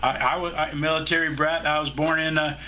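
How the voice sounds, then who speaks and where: A man's voice: fairly high pitch, level tone, fairly quick, over a noisy crowd, low-quality recording. A man in his seventies chatting casually about politics, rambling and blunt, swearing freely. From United States. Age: 70s.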